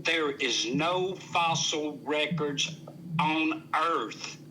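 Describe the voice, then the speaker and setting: Indignant older man, sharp forceful voice. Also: on the high side, extremely slow, a little hiss or hum, low-quality recording. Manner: indignant, insistent, repeats himself for emphasis. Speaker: debater challenging evolution. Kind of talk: heated argumentative debate.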